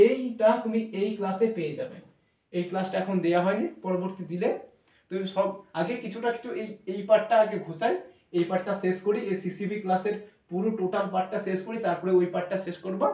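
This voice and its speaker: Male teacher, high voice, spells words letter by letter, recorded from a distance in a roomy hall. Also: darkish tone. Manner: spells words out letter by letter, repeats and self-corrects. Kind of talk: classroom lesson explaining English pronunciation. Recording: echoey room, voice from a distance.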